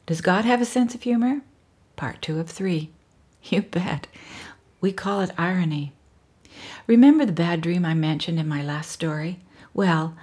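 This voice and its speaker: A middle-aged woman reading aloud from her own memoir in a wry, dryly humorous way, often dropping into soft whispers. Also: deep voice, husky. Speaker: author reading her book.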